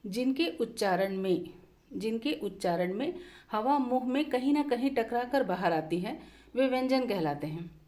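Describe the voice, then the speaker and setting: A woman teaching a language lesson, repeating definitions slowly and mixing in English terms. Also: a little high, expressive, mellow. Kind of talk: slow explanatory lesson.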